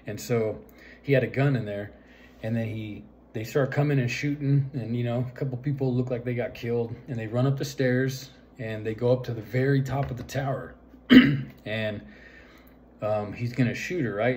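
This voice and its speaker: A man's voice: mid-range voice, steady tone, moderate pace, a little mellow, a little hiss or hum. A man casually retelling a film's plot in a rambling way, full of fillers and "right?" asides. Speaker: vlogger.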